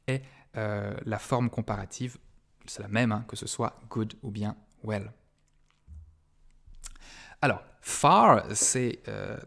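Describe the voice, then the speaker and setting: A man's voice: mid-range voice, gravelly. Man explaining a grammar lesson. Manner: patient, explanatory, with frequent fillers. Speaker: university English grammar lecturer. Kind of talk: recorded grammar lesson for students.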